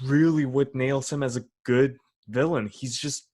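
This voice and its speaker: A man's voice: mid-range voice, steady tone, unhurried, a little mellow. A young man co-hosting a podcast in casual chat, rambling with many fillers and restarts. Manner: rambling, full of "you know" and "like". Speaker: podcast co-host.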